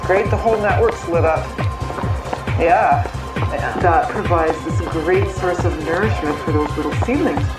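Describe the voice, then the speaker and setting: A woman scientist with a lowish voice explains research as if to a documentary crew. The sound is roomy, and music plays loudly behind her. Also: expressive, a little slow. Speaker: forest ecologist, researcher. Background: loud music.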